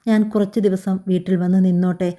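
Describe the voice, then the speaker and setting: A woman voicing a gentle, hurt young pregnant wife who speaks softly and pleadingly. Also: on the low side, flat delivery, a little fast, close to an everyday voice. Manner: soft, pleading.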